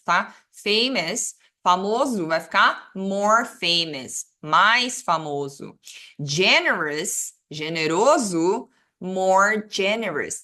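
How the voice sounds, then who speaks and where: A woman's voice: medium pitch, pushed and bright. A woman teaching English grammar, explaining patiently and checking in often with the class. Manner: patient, ends phrases with "tá?". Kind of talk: explaining a lesson.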